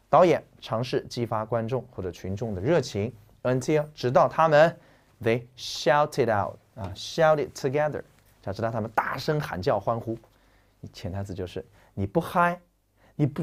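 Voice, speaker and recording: Joking, lively man teaching vocabulary. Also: mid-range voice. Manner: lively, joking, slangy explaining. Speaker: English teacher. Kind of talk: classroom vocabulary lecture.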